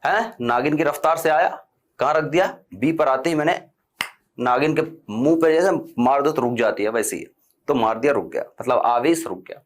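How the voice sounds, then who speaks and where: A man with a medium-pitched voice teaches an online physics class at a moderate pace. He repeatedly poses questions to his students, answers them himself, and restates key terms, turning stern when he tells them to stop chatting.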